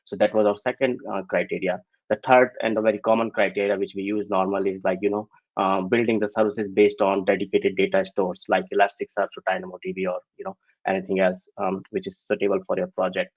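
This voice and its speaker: A man giving a technical presentation remotely, halting often and leaning heavily on fillers. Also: sits low, level tone, no room sound. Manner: halting, filler-heavy delivery. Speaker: tech conference speaker. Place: remote, over online call. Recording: dull, lo-fi call audio.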